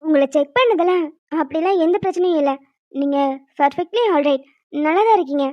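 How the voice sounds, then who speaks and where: A woman voicing a calm female doctor in a cartoon, speaking in a measured, reassuring way. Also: extremely high pitch, no echo. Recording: dull dry sound.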